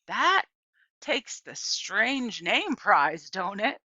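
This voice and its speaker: A woman's voice: medium pitch, sing-song, extremely slow, sharp tone, no echo, lo-fi sound, heavily acted. A woman voicing a kindly, toothless old woman in a storybook, welcoming and folksy in her way of talking. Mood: friendly, surprised. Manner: folksy, rural turns of phrase.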